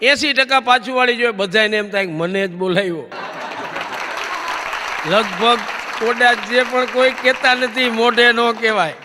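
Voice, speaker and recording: A high, bright-voiced man tells comic stories from a stage, his voice ringing through a reverberant hall. He is animated and keeps turning the punchline back to the audience as a question. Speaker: stage comedian. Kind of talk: comic storytelling to a live audience.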